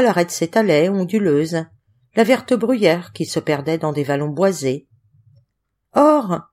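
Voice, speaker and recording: A woman reading an adventure novel aloud as scripted audiobook narration, measured and expressive. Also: medium pitch. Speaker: audiobook reader.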